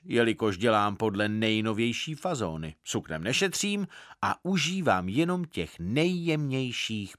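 Guy doing a bragging old tailor, grand and talky, lowish voice. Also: a bit bright, no echo, clean studio sound. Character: boastful old tailor, proud and chatty.

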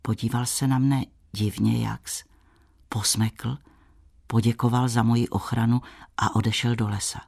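A man narrating an old storybook in a calm, measured reading style. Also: mid-range voice, gravelly. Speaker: audiobook narrator.

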